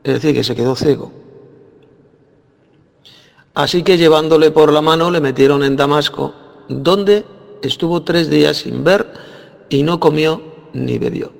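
Guy teaching the bible, kinda higher voice, gravelly, asks himself questions then answers. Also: unhurried, pauses often, long reverb tail. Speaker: preacher.

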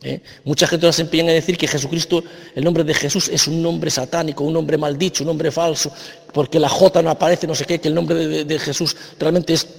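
A man with a Spain Spanish accent argues his point in a heated religious debate, insisting and circling back to the same claims. His voice sits fairly high, and a long reverb trails behind every phrase. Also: level tone, brisk, vocal fry, breathy edge. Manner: argumentative, insistent, repeats himself. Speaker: debate participant.

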